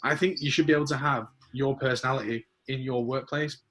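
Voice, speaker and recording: A man's voice: mid-range voice, fairly even intonation, a little fast, fairly bright tone. A man hosting a casual interview, blunt and opinionated, swearing freely. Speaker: host.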